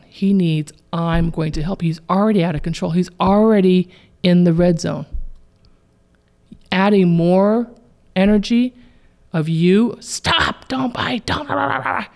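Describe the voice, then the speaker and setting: Gravelly-voiced parenting coach, emphatic. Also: medium pitch, darkish tone. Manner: emphatic, repeats phrases, acts out what a child or parent would say. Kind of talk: coaching conversation.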